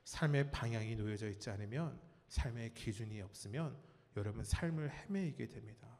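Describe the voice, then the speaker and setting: A man preaching a sermon as pastor, telling a story with lively acted-out cries and asking his congregation questions. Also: medium pitch, moderate pace, long reverb tail. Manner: animated storytelling, acts out cries and quotes. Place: church sanctuary.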